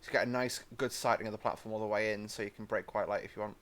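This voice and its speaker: This young British host of a train-game let's-play speaks very fast in a lowish, steady, fairly bright voice. His casual commentary rambles and chats, punctuated by apologetic asides.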